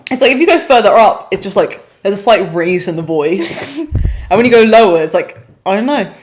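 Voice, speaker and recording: A young English woman from England co-hosts a casual podcast chat, speaking fairly quickly with lively intonation at a medium pitch. She rambles, pokes fun at herself, and swears now and then. There is slight background noise.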